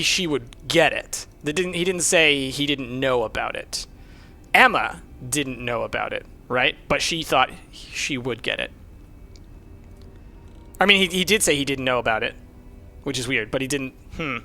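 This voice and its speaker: A man's voice: mid-range voice, pushed and bright. A young man casually thinking aloud while streaming a mystery game. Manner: thinks aloud, muttering and musing. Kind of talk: casual let's-play commentary.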